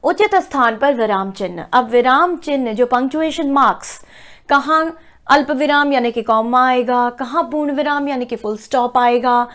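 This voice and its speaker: Woman teacher with a high-pitched voice, patient classroom delivery, steps through the material and often asks if students follow. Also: a bit bright. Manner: explains step by step, checks understanding with "ठीक है?"; slows down to read example sentences aloud. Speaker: Hindi teacher. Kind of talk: classroom explanation.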